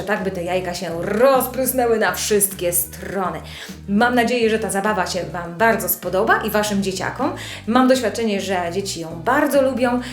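A woman speech therapist walks parents through simple children's games in a friendly, explanatory tone. Her voice sits at an ordinary pitch and rings in a roomy, echoey space. Soft music plays faintly behind her. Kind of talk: instructional video presentation.

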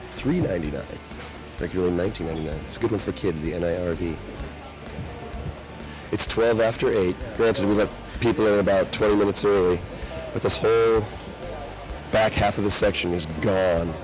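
Fast-talking upbeat male host. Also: sits low, music in the background, low-quality recording. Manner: upbeat, quick, salesy. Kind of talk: event walkthrough and vox-pop interviews. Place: crowded warehouse sale, indoors. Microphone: handheld mic.

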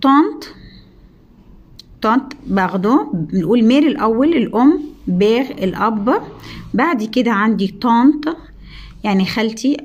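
A woman with an Egyptian Arabic accent giving a French review lesson, drawing out the French words slowly and repeating them. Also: on the high side, lively intonation, lo-fi sound. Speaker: French teacher.

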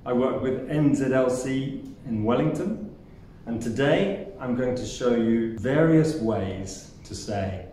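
A man's voice: medium pitch, lively intonation, slow pace, dark tone, slight background noise. A man with a New Zealand accent teaching English phrases, acting out each example with exaggerated intonation. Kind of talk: scripted language lesson. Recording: echoey room, mic at a distance.

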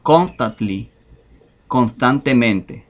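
Over a screen share, a man teaches English vocabulary in a medium-pitched voice with lively intonation. His delivery is slow and hesitant, full of fillers.

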